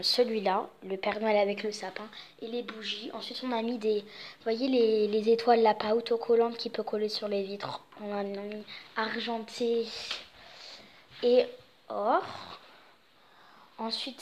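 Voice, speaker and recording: A woman's voice: medium pitch, slight background noise. Chatty young woman vlogging at home. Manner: chatty, rambling, many fillers. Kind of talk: casual home tour vlog.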